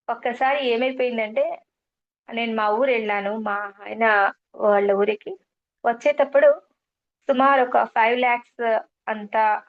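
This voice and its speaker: High-voiced woman. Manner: repeats herself and addresses the interviewer as madam. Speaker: guest sharing a spiritual testimony. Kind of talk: earnest personal storytelling. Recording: muffled lo-fi recording.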